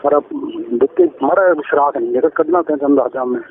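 On a noisy recorded phone call, a middle-aged father-in-law with an Indian Punjabi accent speaks fast in a slightly high voice. Talking privately, he rambles and insistently repeats himself.

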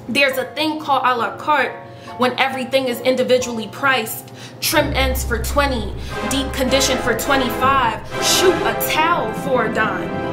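A woman's voice: high-pitched, roomy sound. A woman in her thirties, a hair vlogger, performing sassy, rhythmic spoken word full of rhetorical questions, seated on a sofa in her living room and filmed head-on. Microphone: camera in front, head and shoulders framing.

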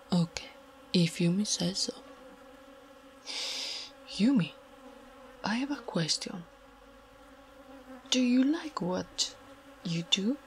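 In an ASMR roleplay, a woman voices a big, strong orc warrior woman who is gentle and naive, speaking haltingly and softly in a half-whisper with simple broken speech. She sounds concerned, her voice mid-range, with a little hiss or hum.

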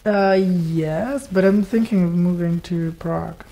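Guest, man in his 20s, English; gravelly and hesitant delivery. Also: high voice, a little slow, warm tone. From Slovakia and Czech Republic. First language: Czech and Slovak. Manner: hesitant, restarts mid-sentence, trails off. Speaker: guest filmmaker. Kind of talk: casual interview chat.

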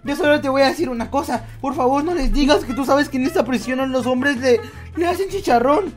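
Casting: high-voiced woman, whiny and melodramatic, comic game role-play, faint music beneath. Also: fast. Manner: dramatic, panicky, whiny. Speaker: roleplay channel host.

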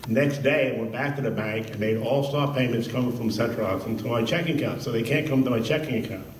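A man's voice: medium pitch, fast, slight background noise. An older man at a public hearing, reading out dates and amounts at a podium mic. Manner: reads a list of dates and sums. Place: large hall. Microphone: podium mic on a stand. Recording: echoey hall from far off.

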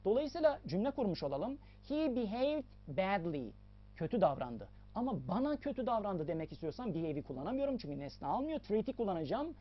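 A woman's voice: mid-range voice, sing-song, brisk, lo-fi sound. A woman teaching a lesson, explaining step by step and repeating key points for emphasis. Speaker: English teacher.

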